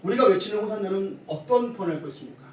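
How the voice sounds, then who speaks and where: A man preaching a Sunday sermon as pastor, lively and often asking the congregation questions. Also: high-pitched, very fast. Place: church sanctuary. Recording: echoey hall from far off, faint hiss.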